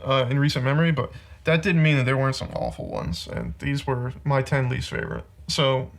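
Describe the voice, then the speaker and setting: A man's voice: medium pitch, lively intonation, fairly quick, creaky. A man hosting a podcast, ranting through a film critique in casual chat with lots of "like". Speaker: podcast host.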